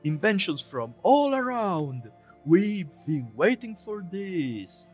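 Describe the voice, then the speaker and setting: A man voicing a male showman announcer who hypes a crowd, his loud voice echoing as if carried over a hall. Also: sits high, sing-song, breathy edge, dull audio, faint music behind, voice pushed up, exaggerated voice. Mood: hyping. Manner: shouted, drawn-out crowd hype.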